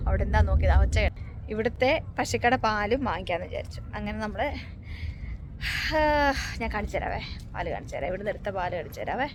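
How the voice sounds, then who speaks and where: A woman's voice: a little high, noisy background. A woman on a casual vlog walking through a farm at dusk, chatty, who keeps pointing things out to her viewers. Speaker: family vlogger.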